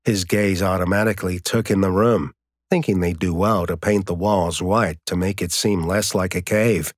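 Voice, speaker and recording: A man narrating an audiobook in a steady, measured way, recorded close on a studio mic. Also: sits low, no room sound. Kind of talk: scripted narration.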